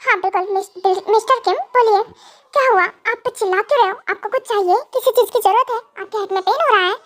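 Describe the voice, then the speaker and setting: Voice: extremely high pitch, fast, fairly bright tone. A reader voicing a polite, deferential doctor in an amateur fan dub, speaking soothingly.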